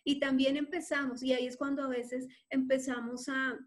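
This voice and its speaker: A woman preacher delivering an impassioned sermon, acting out quotations and pausing with hesitant fillers. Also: sits high, little pitch movement.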